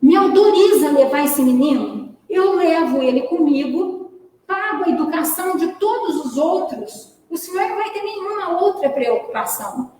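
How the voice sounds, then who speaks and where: A woman's voice: extremely high pitch, animated, normal speed, mellow, a little hiss or hum, pitched above the performer's own voice. A woman voicing a grieving wealthy woman who pleads insistently to take a child home. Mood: pleading. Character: grieving rich woman, pleading, wants to adopt. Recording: echoey hall from far off.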